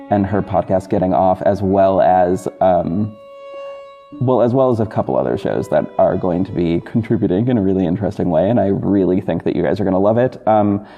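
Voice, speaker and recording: A low-sitting male voice comes through narrow, tinny audio with music playing behind it. He hosts a podcast and creates audio dramas, and here he's casually chatting solo to listeners, full of informal, effusive enthusiasm.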